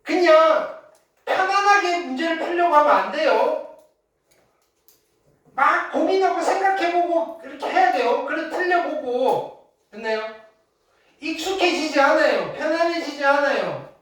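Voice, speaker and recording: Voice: a little slow, pauses often, far from the mic. Emphatic teacher in echoey classroom. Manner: emphatic, keeps asking "됐나요?" and "알겠어요?"; lively, loud bursts then drops low. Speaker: high school math teacher. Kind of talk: classroom lecture.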